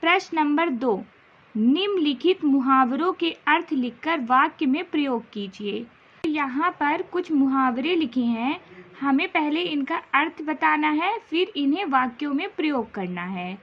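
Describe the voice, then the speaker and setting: A woman's voice: high voice, expressive, unhurried, highs cut off. A woman teacher patiently explaining a school lesson, repeating and sounding out each syllable for young pupils.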